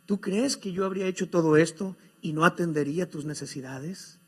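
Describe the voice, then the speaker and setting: A man's voice: a little high, a little fast, darkish tone, slightly rough. A man voicing a loving adoptive father who firmly reassures his worried son in a sermon story. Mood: pleading, emphatic. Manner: emphatic, pleading, rising questions.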